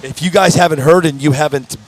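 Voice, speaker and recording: A talkative man hosts live interviews at a racing event. His voice sits a little high, and he talks in an eager, promotional way. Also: a little fast. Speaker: host.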